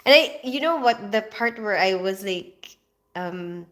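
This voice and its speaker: A middle-aged woman from the Philippines hosting a casual livestream, reading viewer comments aloud and chatting with a quick laugh. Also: mid-range voice, lively intonation, fairly bright tone. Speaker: livestream host.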